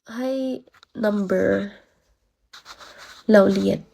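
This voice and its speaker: A 19-year-old college student from Baguio in the Philippines livestreams in a mid-range voice, speaking very slowly with vocal fry and a dark tone. Tired, achy, and sick with a cold, she greets her viewers and thanks them one by one.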